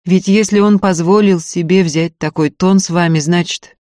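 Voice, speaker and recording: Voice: medium pitch, steady tone, moderate pace, a little mellow, dry recording, studio quality, voice pushed up, lightly acted. A reader voicing Andrey, an impulsive, gallant young male student who speaks earnestly, in an audiobook. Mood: ardent. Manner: earnest, ardent, stammering apologies. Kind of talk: audiobook character voice.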